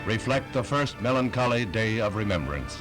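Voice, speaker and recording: A man's voice: lowish voice, animated, normal speed, over loud music. Solemn man narrating a 1960s newsreel. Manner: solemn, stately delivery.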